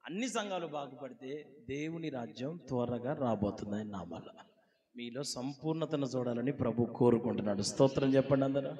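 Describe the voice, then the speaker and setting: A male pastor delivering a sermon, asking the congregation rhetorical questions and moving between quiet pleading and loud exclaiming. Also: mid-range voice, lively intonation, fairly quick. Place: church hall. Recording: long hall reverb.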